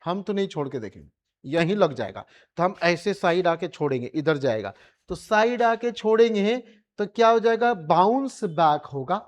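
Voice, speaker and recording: A man's voice: sits high, very animated, normal speed. Coaxing Indian physics teacher, man. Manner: colloquial, coaxing students with repeated questions. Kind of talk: classroom revision lecture.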